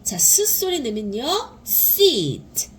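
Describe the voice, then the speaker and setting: A woman teaching beginner English phonics, sounding out each word slowly and repeating it. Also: fairly high pitch, wildly swooping pitch, slight background noise. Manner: drawn-out repeated sounding of words. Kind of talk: slow explanatory teaching.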